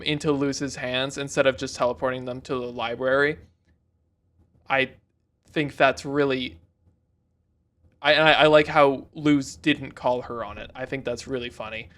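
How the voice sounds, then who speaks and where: A man's voice: medium pitch, fairly bright tone. A man hosting a reaction video, chatting casually, rambling, cutting himself off and cracking jokes. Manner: rambling, self-interrupting, jokey.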